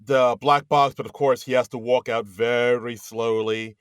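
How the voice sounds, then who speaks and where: A man co-hosting a podcast, casually retelling a film's plot and slipping into quick quoted voices. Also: medium pitch, steady tone, no room sound. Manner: retells scenes with quick put-on quotes and laughs. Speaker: podcast co-host. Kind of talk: casual movie recap chat.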